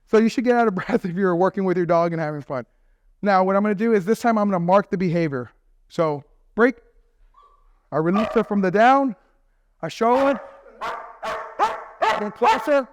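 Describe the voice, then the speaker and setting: A man's voice: high-pitched, lively intonation, a little fast, no echo. A man, a dog trainer, explaining step by step how to teach a dog to bark on command, checking in with viewers as he works with his dog. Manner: upbeat coaching talk, often checks in with "right?" and "okay?"; praises and commands the dog mid-session. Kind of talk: instructional training video.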